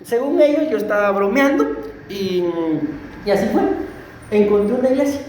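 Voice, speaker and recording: Costa Rican pastor preaching in an echoey church. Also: male voice, very high-pitched, lively intonation, normal speed, darkish tone, a little hiss or hum. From Costa Rica. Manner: conversational, clears throat often, asks the congregation questions. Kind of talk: sermon with personal testimony. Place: church sanctuary.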